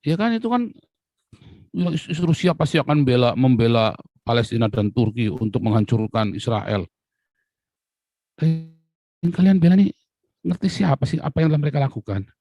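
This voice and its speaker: A man giving an angry political rant as a channel commentator, swinging between loud outbursts and low muttering. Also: lively intonation, moderate pace, pauses often, no echo.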